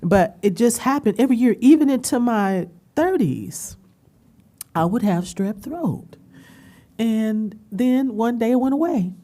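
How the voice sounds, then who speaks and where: A middle-aged woman speaking at a community panel, telling a personal story with animated emotion and frequent laughter. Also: a little high, unhurried. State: tearful at times. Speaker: panel speaker and business owner.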